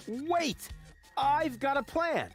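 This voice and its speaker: A cocky, wisecracking game hero. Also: male voice, very high voice, very slow, faint music behind, full character voice. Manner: deadpan, wisecracking. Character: cocky scruffy young man, lazy, sarcastic schemer. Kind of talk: video game dialogue.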